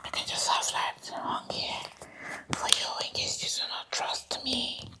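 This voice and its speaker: A woman's voice: unhurried, lightly acted. A woman voicing a dubious, boastful female doctor in a whispered ASMR roleplay, insisting in a sing-song way that she is a real doctor.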